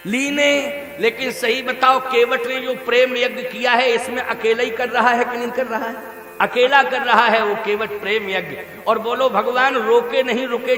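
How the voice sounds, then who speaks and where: A male preacher, delivering a scripture sermon to a large gathering, asking the crowd questions for them to answer back. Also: sharp tone. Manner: booming, preaches with call-and-response questions to the crowd. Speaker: religious storyteller. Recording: echoey hall, long reverb.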